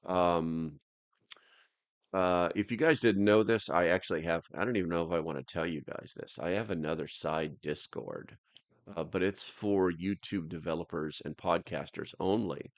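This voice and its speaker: A man with a low-pitched voice and a close, dry sound chats casually to his livestream audience. He keeps a calm, unhurried tone, wandering through his thoughts with halting restarts. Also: dry recording. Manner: rambling, halting, trails off and restarts. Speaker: livestream host.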